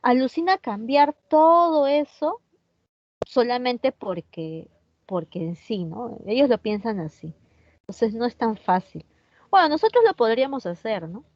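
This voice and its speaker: A woman's voice: on the high side, animated, measured pace, a little mellow, no echo, muffled recording. A Peruvian woman with a Peruvian Spanish accent teaching an online chemistry class, chatty, often asking her students questions and answering their comments. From Peru.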